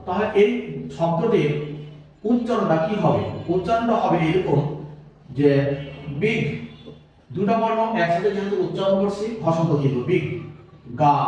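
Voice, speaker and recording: A man with a Bangladeshi Bengali accent teaching a classroom lesson, explaining slowly and repeating sounds as he writes. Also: high-pitched, a little mellow. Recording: very echoey room, mic far off.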